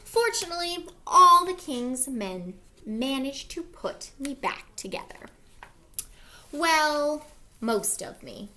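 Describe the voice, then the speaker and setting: A woman voicing an anxious, wistful egg who tells his own storybook tale in an earnest, expressive way. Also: high voice, takes it slowly, exaggerated voice. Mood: sad, fearful. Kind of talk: picture-book read-aloud.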